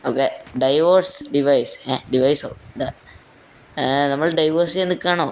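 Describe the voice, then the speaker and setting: Young guy chatting and joking over a game, voice a bit on the high side. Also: moderate pace. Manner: joking, chatty, mixes English fillers. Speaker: gaming YouTuber. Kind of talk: casual gameplay commentary.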